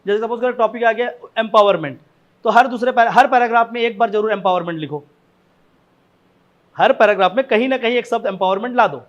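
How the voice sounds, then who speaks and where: A man with a notably high voice talks fast while teaching a class on essay writing, and the recording is muffled. His style is loose and conversational, with frequent "ठीक है ना" check-ins to make sure students follow, rhetorical questions, and repeated returns to his main points.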